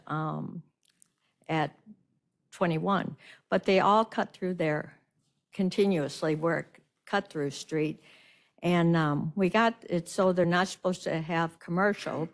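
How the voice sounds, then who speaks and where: Indignant older woman at a hearing. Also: lowish voice. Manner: indignant, emphatic complaint. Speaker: resident speaking at public hearing. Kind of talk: public comment at a hearing. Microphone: video call.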